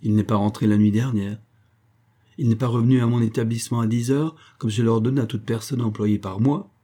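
A man's voice: mid-range voice, brisk, warm tone, voice pushed up, close to an everyday voice. A man reading aloud who voices a stern, pompous middle-aged schoolmaster, questioning imperiously and impatiently. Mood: indignant.

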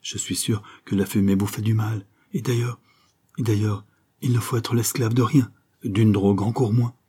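A man reading a novel aloud, voicing a refined young woman who gently scolds and pleads with her fiancé. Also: on the low side, fairly even intonation, normal speed, husky. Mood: pleading. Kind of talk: audiobook character reading.

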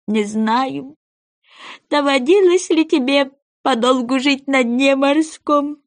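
A woman doing a high eager little goby fish. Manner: eager, drawn-out, sing-song. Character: excitable little male sea goby fish. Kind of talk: storybook reading.

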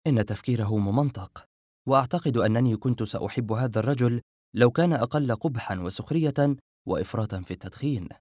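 A man reads a dramatic story aloud in a steady, measured voice of middle pitch. The recording is dry and close, with no room sound. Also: dry recording. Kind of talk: dramatic audiobook narration.

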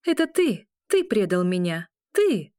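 A woman's voice: sing-song, measured pace, dark tone, dry recording, clean studio sound. A woman voicing a frightened, pregnant young she-wolf woman who speaks with hysterical, accusing notes. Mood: tearful anger. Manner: high-strung, fearful, accusing.

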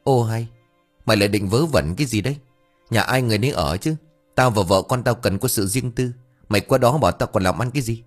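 A man's voice: mid-range voice, fairly quick, faint music behind, close to an everyday voice. A man voicing a blunt male village friend who teases and scolds. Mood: mocking. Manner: teasing, scolding.

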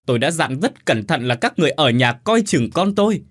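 A man's voice: fairly high pitch, very animated, brisk, pitched above the performer's own voice. A man voicing a desperate young mother who wails and cries out in grief in a storybook tale. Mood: anguished fury. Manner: wailing, sobbing cries.

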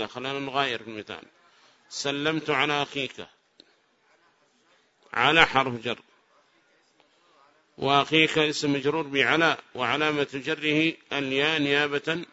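A man's voice: medium pitch, bright, forceful tone. A man teaching Arabic grammar to a class, praising answers and prompting students with questions. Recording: dull lo-fi recording.

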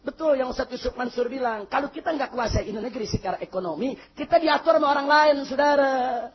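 A man preaching a fiery sermon to a congregation, shouting questions for the crowd to answer and turning calm and measured for prayers. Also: very high-pitched. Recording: muffled lo-fi recording.

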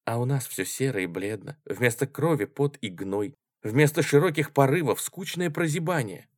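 A man reading an audiobook, voicing a passionate, devout and defiant young woman in a quiet, intense way. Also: mid-range voice, lively intonation, moderate pace, no room sound, studio quality, close to an everyday voice. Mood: brooding.

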